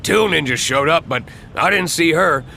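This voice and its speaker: A man's voice: a little high, animated, normal speed, vocal fry, sharp tone, a little hiss or hum, full character voice. An audiobook narrator voicing a grown fisherman who recounts the attack dramatically. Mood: dramatic. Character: grown fisherman, showy storyteller.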